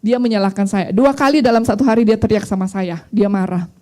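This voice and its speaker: A woman's voice: mid-range voice, a little fast, dark tone. A middle-aged woman pastor preaching a sermon in a conversational, storytelling way, mixing in English phrases.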